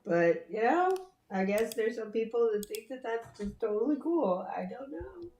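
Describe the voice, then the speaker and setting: A woman with a hoarse, scratchy throat chatting casually and bluntly on a livestream, swearing freely and rambling. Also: fairly high pitch, big pitch swings, normal speed, mellow, roomy sound. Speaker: co-host on a livestream. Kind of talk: casual chat.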